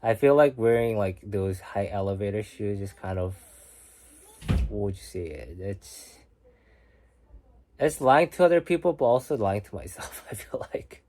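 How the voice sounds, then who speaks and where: Speaking softly from home late at night, a young Korean livestream host reads his chat and muses aloud, now and then slipping into a whisper. His low, mellow voice is expressive and moves at a measured pace.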